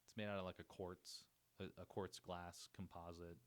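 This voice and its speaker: A man from Montana with a deep voice talks as a podcast guest. He rambles eagerly from one thing to the next and swears casually. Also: flat delivery, moderate pace, clear, resonant tone. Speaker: podcast guest, glass artist. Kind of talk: casual chat.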